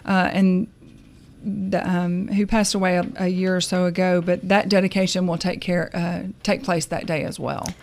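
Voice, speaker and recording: A woman with a low voice talks as a radio guest from the university staff. She speaks in a friendly, halting way, filling her pauses with ums and uhs. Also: flat delivery, darkish tone. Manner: hesitant, many fillers, friendly. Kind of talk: casual interview chat.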